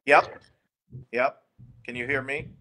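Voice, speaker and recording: A man talking over a remote call whose audio breaks up, sounding distant and cutting out, in a halting, casual way. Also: mid-range voice, fairly even intonation, sharp tone. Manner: halting, with frequent fillers. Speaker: interview guest on a remote call. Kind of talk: casual conversation.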